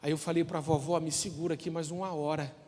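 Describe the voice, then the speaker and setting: A male pastor preaching a sermon, telling a childhood story with acted dialogue before turning slow and earnest. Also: a little high, level tone, a little mellow, slight background noise. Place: church. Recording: long church reverb.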